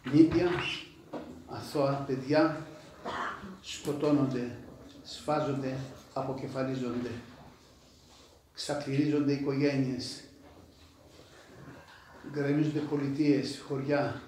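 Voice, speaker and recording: A man delivering a sermon in a declamatory manner, with emphatic repetitions that rise to loud exclamations. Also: medium pitch, slight background noise. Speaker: preacher. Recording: very echoey church from far off.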